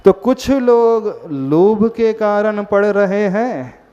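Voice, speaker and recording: A man's voice: high voice, extremely slow, warm tone, smooth. A man, a Jain monk, giving a sermon and often asking the listeners questions. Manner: questions the listeners often and mixes in English words. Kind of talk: sermon to a gathered audience. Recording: long hall reverb, dull lo-fi sound.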